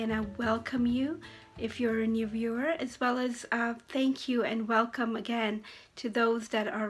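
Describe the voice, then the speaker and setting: A woman hosts a casual podcast at a slow, unhurried pace. Her voice sits a little high and stays fairly flat in melody. She pauses hesitantly, sounding slightly hoarse, as if her voice is giving out. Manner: hesitant, halting with frequent pauses. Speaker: knitting podcast host. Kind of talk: casual chatty video podcast.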